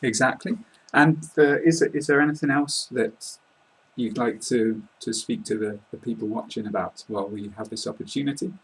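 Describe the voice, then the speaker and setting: A British man in his twenties, an English teacher, hosts a casual interview chat in a husky mid-range voice at a moderate pace with few pauses. He's polite and explanatory. The audio is poor, captured on a laptop webcam in a small room.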